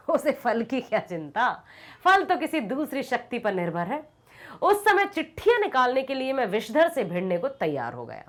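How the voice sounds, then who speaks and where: A woman teacher reading a story aloud and explaining it, with dramatic storytelling and questions to her students. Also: fairly high pitch.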